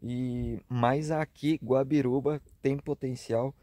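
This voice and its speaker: A travel vlogger in his thirties from Rio Grande do Sul, with a southern Brazilian accent, narrates casually to a handheld camera, tagging his sentences with little questions in a chatty, easygoing way. His mid-pitched voice is mellow, dark and steady, slow, and sounds close and dry with no room around it. He's at a grassy hilltop campsite, having earlier filmed inside a car at night.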